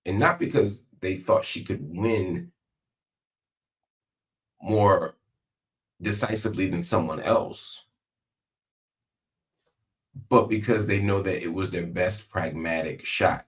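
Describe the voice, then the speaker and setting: Male live-stream political host, low voice, emphatic and conversational, leaning on repetition, recording in a hospital room. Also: takes it slowly, pauses often. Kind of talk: live political commentary, direct address to viewers.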